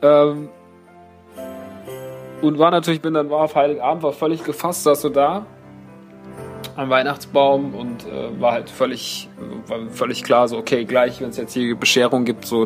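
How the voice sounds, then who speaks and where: A man's voice: mid-range voice, little pitch movement, moderate pace, faint music behind. A young man hosting a podcast, telling a story in a casual, rambling, self-mocking way with many fillers. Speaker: podcast host.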